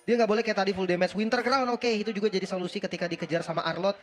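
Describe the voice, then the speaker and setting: A man's voice: high voice, steady tone, very fast, faint music behind. A man giving casual, colloquial analysis as a commentator on a live game match, explaining tactics.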